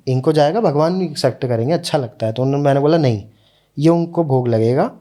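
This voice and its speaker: In a warm, mellow voice that sits on the high side, a young man guesting on a podcast talks through a personal story. He's casual yet sincere, and he lets emotional points land by slowing down.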